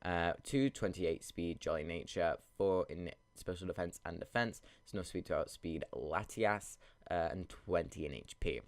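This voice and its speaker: Congested and sniffling from a cold, a man with a low voice gives loose, rambling gameplay commentary on a video game battle, thinking out loud at a normal speed. The audio is dry with no echo or room sound.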